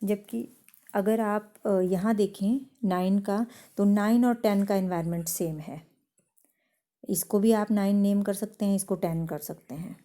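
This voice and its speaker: A woman's voice: mid-range voice, unhurried, warm tone. A woman teaching a chemistry lesson, explaining step by step and often checking that her students have understood. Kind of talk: classroom lecture.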